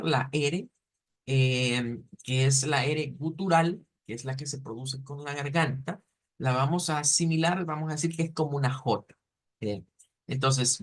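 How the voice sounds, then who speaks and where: A male language teacher, speaking at a middle pitch. He explains step by step with patience and often stops to check that his students follow him. His talk is full of small fillers and restarts. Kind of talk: online class lecture.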